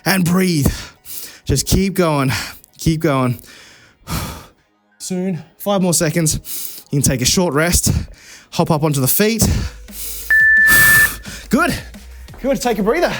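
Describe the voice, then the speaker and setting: Aussie workout coach, chatty and pushing you on, mid pitch, soft music behind. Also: lively intonation, slow pace, pauses often. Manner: encouraging, chatty, demonstrating while exercising. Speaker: fitness instructor. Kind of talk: coaching a live home workout.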